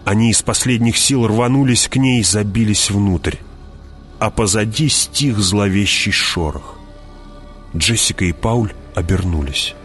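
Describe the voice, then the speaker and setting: A man narrating an audiobook in a measured, dramatic way, dropping his voice and slowing down at tense moments. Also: a bit bright, soft background music. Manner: measured, drops voice low and slows on tense moments.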